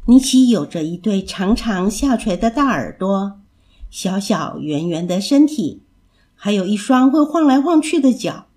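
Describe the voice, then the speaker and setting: A woman storyteller reading a children's story aloud in an expressive, animated way. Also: mid-range voice, unhurried.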